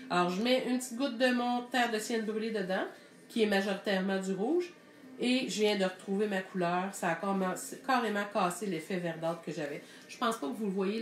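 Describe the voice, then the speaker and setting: A woman's voice: medium pitch, roomy sound, a little hiss or hum. A woman with a Québécois French accent teaching a live painting lesson, thinking aloud in a chatty way as she mixes colors.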